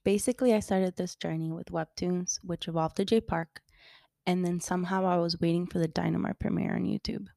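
A woman co-hosts a podcast in a fairly low voice with heavy vocal fry. The sound is close and dry as she reads her scripted introduction. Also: steady tone, brisk, warm tone, no echo. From Colombia-born, raised in Miami. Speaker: podcast co-host.

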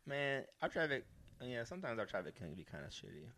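A man chats on a podcast at an easy, laid-back pace. His voice sits at an ordinary middle pitch, and his banter is crude and offhand. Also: big pitch swings, fairly quick, pushed and bright, no echo. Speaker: podcast co-host. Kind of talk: casual chat.

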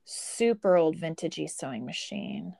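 A woman's voice: deep voice, animated, a little slow, gravelly, warm tone, no echo, studio quality. A woman co-hosting a podcast in casual chat, easygoing and matter-of-fact. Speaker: podcast co-host.

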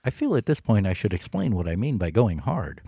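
A man's voice: on the low side, big pitch swings, brisk, gravelly, warm tone, breathy edge, no echo, clean studio sound. A man playing a reckless driver character in a tabletop role-playing game, brash and gleeful. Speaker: player. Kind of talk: casual tabletop role-play.

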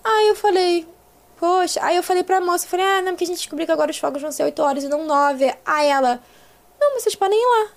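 A young woman with a Brazilian Portuguese accent, a podcast guest telling an anecdote in a casual, animated way and acting out the dialogue herself. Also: extremely high pitch, quick pace, vocal fry. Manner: animated, acts out quoted dialogue, swears casually.

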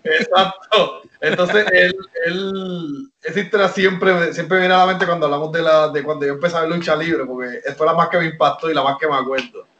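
A Puerto Rican man with a slightly high voice, talking as a guest on an interview podcast. He tells his story in an animated way and often stops to restart a phrase. The room around him gives his voice a roomy echo. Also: normal speed, a little hiss or hum. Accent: Puerto Rican Spanish. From Puerto Rico. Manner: animated, many fillers and restarts. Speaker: wrestler guest.

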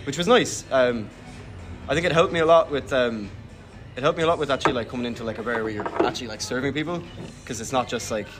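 A man's voice: mid-range voice, quick pace, over music. A man of twenty-two with a west of Ireland accent, chatting casually and loosely, with "like" sprinkled through his sentences. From Galway, Ireland. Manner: rambling, heavy use of "like". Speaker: bartender interviewed as guest. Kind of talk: casual chat. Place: in a bar.

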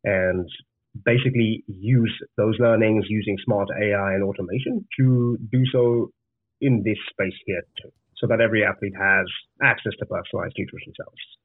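This startup founder from Zimbabwe, a guest with a Zimbabwean accent, has a voice on the low side and a steady tone at a moderate pace. He answers interview questions earnestly, frequently restarting what he says. The phone-like line sounds dry and tinny, with no room sound.

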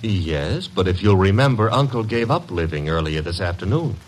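Archie, low-voiced wisecracking detective's sidekick. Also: male voice, very animated, moderate pace. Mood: wry. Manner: breezy, slangy, wry. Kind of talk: 1940s-1950s radio drama acting and hard-boiled narration. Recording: noisy vintage radio recording.

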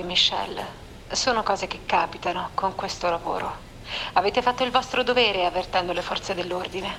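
A woman voices a formal police officer who reassures a witness briskly. Her voice sits at a mid pitch in the audio drama. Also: fairly bright tone, close to an everyday voice, low-quality recording.

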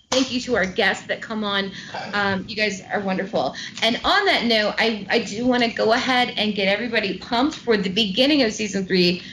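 A woman's voice: medium pitch, a bit bright, a little hiss or hum. A woman hosting a casual film podcast, chatty and laughing often, with frequent swearing. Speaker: podcast host.

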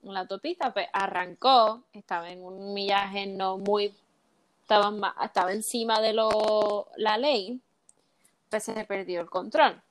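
A woman's voice: medium pitch, unhurried. A young woman casually telling a true-crime case in a chat podcast, slipping English words into her Spanish.

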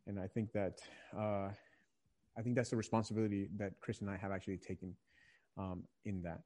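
Fairly quick and flat in delivery, this young man's lowish voice carries a warm tone. He's a young adult ministry leader from Virginia, guesting on a podcast, where he speaks earnestly and reflectively and keeps restarting phrases to find his words.

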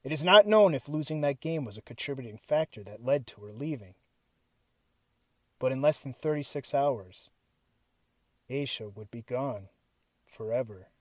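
A man narrating a scripted true-crime story in a suspenseful, measured, serious manner with deliberate dramatic pauses. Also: mid-range voice, lively intonation, no echo. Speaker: host and narrator of a missing-persons series.

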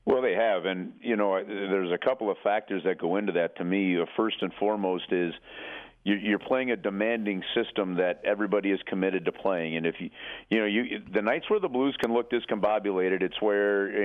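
Over a narrow, tinny phone line, a man gives sports analysis for talk radio. His voice sits fairly low. He explains emphatically, halting and repeating words as he builds his point. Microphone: telephone.

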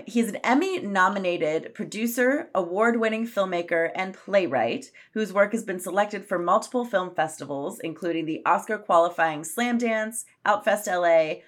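A woman co-hosting a podcast, introducing a guest in an enthusiastic, chatty way with lots of "like" and "you know". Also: on the low side. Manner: enthusiastic, chatty, uses "like" often. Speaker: podcast co-host. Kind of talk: casual podcast chat.

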